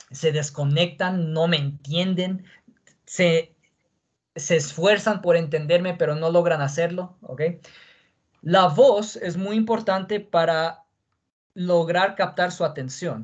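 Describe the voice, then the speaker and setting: A male teacher explaining a lesson patiently and often checking in with the class. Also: fairly high pitch.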